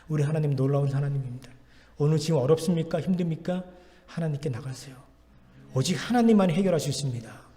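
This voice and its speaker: A male pastor delivers a sermon in a church, pressing his points through repeated, emphatic exhortations. His voice sits somewhat high for a man. The sound carries a long reverb from the church hall. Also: dark tone. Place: church sanctuary.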